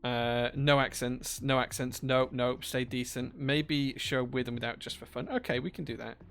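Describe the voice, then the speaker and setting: Gravelly man chatting on a live stream. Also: medium pitch, fairly even intonation, normal speed, fairly bright tone, a little hiss or hum. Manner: chatty, reads chat aloud and thanks viewers. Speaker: livestream host building keyboards. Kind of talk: casual live-stream chat.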